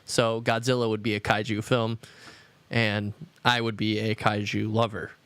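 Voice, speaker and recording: A man co-hosting a podcast in casual chat, cracking quick jokes and laughing often. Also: on the low side, flat delivery, a bit bright, clear, resonant tone, dry recording. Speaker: podcast co-host.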